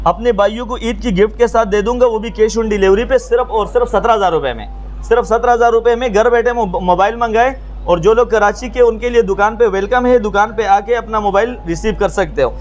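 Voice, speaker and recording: A man with a Pakistani accent giving an eager, repetitive sales pitch to camera as a mobile phone shop seller. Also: fairly quick. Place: small open-fronted mobile phone shop stall.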